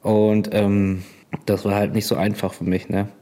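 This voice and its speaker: Relaxed, plain-spoken man in easy chat. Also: lowish voice, measured pace. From Bremerhaven, Germany. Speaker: podcast guest. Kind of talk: casual conversation.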